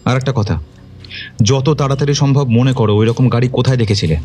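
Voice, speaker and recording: An actor playing a commanding police detective who questions witnesses firmly. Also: male voice, mid-range voice, fairly quick, warm tone, slightly rough, soft background music, natural voice. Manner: firm, authoritative questioning.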